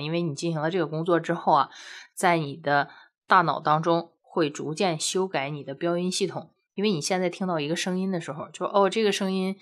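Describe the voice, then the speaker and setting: A woman teaching a recorded language lesson, patiently explaining step by step and drilling syllables aloud slowly, with many rhetorical questions. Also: lowish voice.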